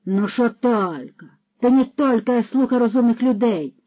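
A narrator voicing a pompous male horse thief who lectures loudly and scatters Latin words, on a dull, dry recording. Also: mid-range voice, normal speed, no echo, pitched above the performer's own voice, natural voice. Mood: scolding. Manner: lecturing, scolding, loud.

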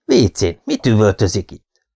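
Male reader doing a gravelly, fussy undertaker; protesting, lively up-and-down voice. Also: lowish voice, heavily acted. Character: nervous male funeral parlor manager.

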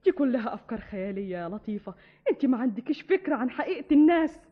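Brief: a husky, lively-voiced Egyptian sister, fast and soothing, lo-fi radio. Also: female voice, medium pitch. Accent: Egyptian Arabic. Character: cautious sister, soothing and sensible. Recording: dull lo-fi archive radio recording.

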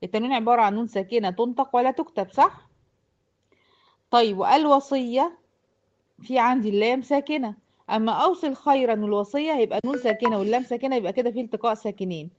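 On a muffled recording, a Quran recitation teacher with an Egyptian accent lectures a class of girls at a very fast clip. Her fairly high, slightly mellow voice works through each step, frequently confirming the students understand.

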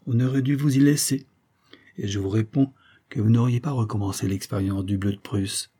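A man voicing a grave, slightly ironic young gentleman in an audiobook, dry and measured. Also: on the low side, steady tone, breathy edge. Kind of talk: audiobook reading.

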